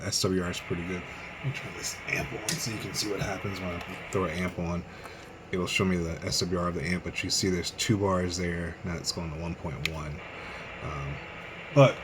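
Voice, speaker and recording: Indoors at his radio bench, a man with a deep voice gives an unscripted, hands-on review of radio gear, casual, rambling and matter-of-fact. There's noise in the background.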